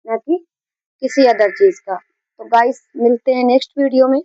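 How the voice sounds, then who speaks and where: A woman's voice: fairly high pitch, moderate pace, no echo, dull audio. A woman teaching a grammar lesson, explaining patiently, repeating key points and mixing in English terms.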